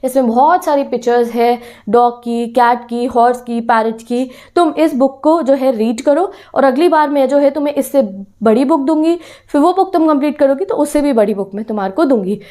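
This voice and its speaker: A woman voicing a kind schoolteacher who speaks softly and soothingly to a shy girl in a classroom story. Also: high-pitched, moderate pace, lightly acted. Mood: encouraging. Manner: soft, soothing, encouraging.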